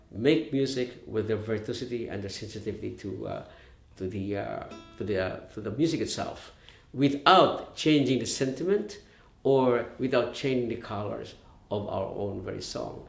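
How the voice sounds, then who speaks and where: A man with a Visayan Filipino accent talks informally about music as a guitarist, haltingly searching for words. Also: on the low side, vocal fry. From Leyte, Philippines. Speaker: guitarist and arranger. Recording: roomy, echoing sound.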